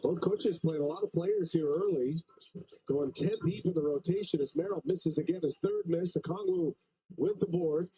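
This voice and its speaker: A man calling live basketball play-by-play, reading out stats between plays in a brisk way. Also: a little high, sing-song, dark tone, poor audio. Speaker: play-by-play commentator.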